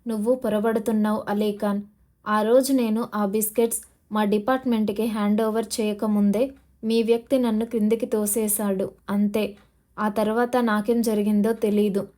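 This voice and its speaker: A woman's voice: mid-range voice, level tone, normal speed, mellow, close to an everyday voice. A woman narrator voicing a desperate male police officer who is pleading and defiant, in an audio novel.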